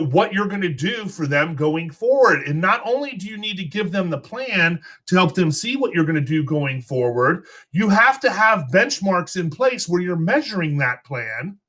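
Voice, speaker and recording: A man's voice: high-pitched, bright, forceful tone. A man hosting an insurance podcast, fired up and preaching in a casual chat. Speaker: podcast host.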